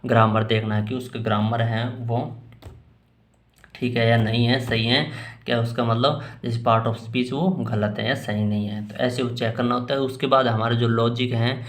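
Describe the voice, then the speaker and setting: A man teaches English in a relaxed, rambling way, his speech marked by a Hindi accent. He answers questions one after another, often going back to restart a phrase, at an ordinary middle pitch. The sound has a noticeable echo, as though recorded in a bare room. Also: normal speed. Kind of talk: casual spoken lesson answering student questions. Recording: echoey room.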